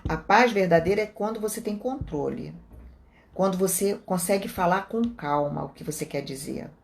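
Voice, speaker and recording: A woman with a Brazilian Portuguese accent, a meditation teacher calmly explaining her guided meditation cues in a live talk, slowing down when she quotes them. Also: fairly low pitch, gravelly, a little hiss or hum. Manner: calm, explanatory, speaks slowly when quoting meditation cues.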